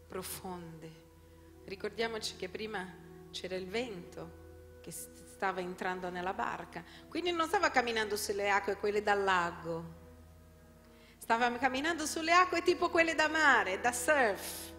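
A woman pastor delivering an emphatic sermon, putting rhetorical questions to her congregation. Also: medium pitch. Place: church hall. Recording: long hall reverb, soft music behind.

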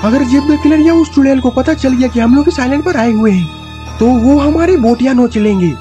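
Guy voicing a young cartoon hero, cautious and worried, super high voice, soft dark tone. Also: brisk, lo-fi sound, faint music behind. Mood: pleading. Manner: urgent, cautious warnings. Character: young male cartoon hero, grieving and vengeful.

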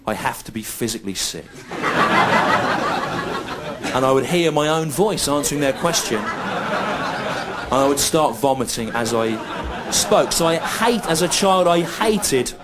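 A middle-aged man performing a stand-up comedy routine on a stage in front of a live audience, with dry, deadpan and repetitive phrasing. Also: fairly high pitch, a little slow. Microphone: stage microphone. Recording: live show recording with audible noise. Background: audience laughter.

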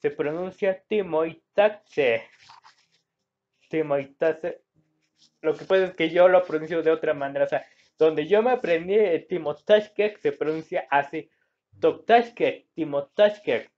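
Man, Mexican Spanish accent, gameplay commentary, rambling, slightly high voice, dull phone recording. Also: normal speed. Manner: rambling, searches for words, reads game words aloud.

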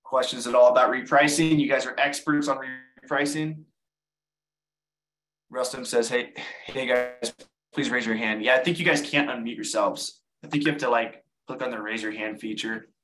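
A man's voice: mid-range voice, fairly even intonation, brisk, fairly bright tone, low-quality recording. A man hosting a live online selling webinar, explaining things in a casual way, often restarting his phrases and taking questions from viewers. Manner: casual, repeats words while explaining. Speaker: online seller giving a webinar.

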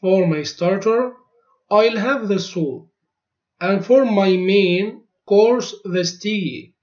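Slow, deliberate man drilling phrases. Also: high voice, a little mellow. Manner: each phrase spoken twice, clearly and deliberately. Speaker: language teacher. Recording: dull lo-fi recording.

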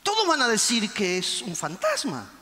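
Fervent high-voiced male preacher. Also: huge pitch swings, normal speed, big-room sound. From Argentina. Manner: fervent preaching, shouts and acted-out quotes. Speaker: pastor. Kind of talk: sermon.

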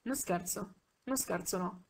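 Una donna che legge le battute di un giovane tenente agitato, che balbetta e insiste, in un audiolibro. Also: female voice, mid-range voice, a little slow, gravelly, a little mellow, breathy edge. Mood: agitated. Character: young male army lieutenant, tense and stammering.

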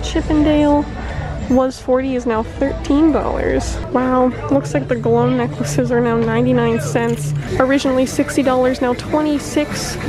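A young woman with a high voice films herself on a handheld phone as she tours an outlet store, chatting casually, reading out prices and gushing over the items. The indoor retail space has background music playing, and the audio quality is poor.

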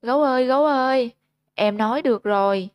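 A woman's voice: on the high side, fairly even intonation, fairly quick, clear, resonant tone, dry recording, lo-fi sound, voice pushed up, lightly acted. A woman narrator voicing a young girl, asking eagerly in a storybook reading. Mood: tearful. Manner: eager, pleading. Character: young girl who just regained speech.

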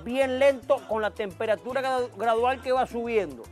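A man's voice: very high-pitched, moderate pace, faint music behind. A man doing a brash Venezuelan TV cook. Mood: rowdy. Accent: Venezuelan Spanish. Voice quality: swaggering, swears constantly, rowdy exclamations. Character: boastful tipsy Venezuelan TV cook, grown man. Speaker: comic cooking-show character. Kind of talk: sketch comedy acting.

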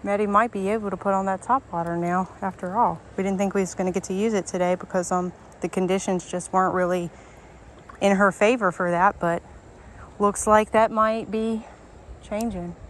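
A woman, chatting excitedly to viewers while filming a fishing trip outdoors on a rocky riverbank. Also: mid-range voice, normal speed, slight background noise. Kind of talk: casual outdoor vlog narration. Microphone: action camera worn on the body. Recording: background music over outdoor audio.

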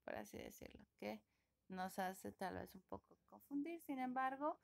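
A woman's voice: mid-range voice, lively intonation, normal speed, vocal fry. A woman teaching an online class, patiently prompting her students and coaxing them to answer. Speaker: English teacher.

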